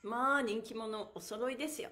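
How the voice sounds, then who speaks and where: A middle-aged woman with a fairly high, sharp voice hosts a chatty live exercise class at a normal pace, bubbly and playful as she talks to her viewers. She's a pantomime teacher and livestream host, recording in an indoor room with bare walls and an exercise mat, so her voice sounds reverberant.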